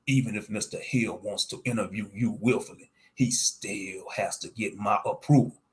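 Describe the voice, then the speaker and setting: A man voicing a stern, calm prison warden with a low-key, commanding manner in a narrated monster story. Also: moderate pace, lightly acted. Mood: firm.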